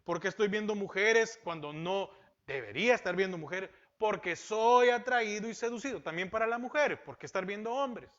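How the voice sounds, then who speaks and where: A man's voice: sits high, expressive, normal speed, a bit bright. A male pastor teaching a Bible sermon, asking rhetorical questions and repeating key phrases. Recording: dull lo-fi sound.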